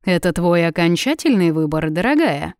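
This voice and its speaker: A woman's voice: fairly low pitch, sing-song, normal speed, a little mellow, no echo, studio quality. A woman voicing a proud young male villain prince who taunts his brother, in a storybook reading. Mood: taunting. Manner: smug and taunting.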